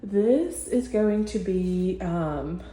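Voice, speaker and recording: Extremely slowly but with lively intonation, a woman with a warm, medium-pitched voice tours a new house indoors as a real estate agent, chatty and matter-of-fact from room to room. Long reverb and a faint hum fill the empty rooms.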